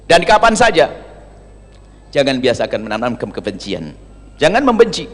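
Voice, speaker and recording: A male preacher giving a sermon, animated, switching between loud emphatic lines and soft, quiet asides. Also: medium pitch, moderate pace. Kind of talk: religious sermon. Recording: long hall reverb.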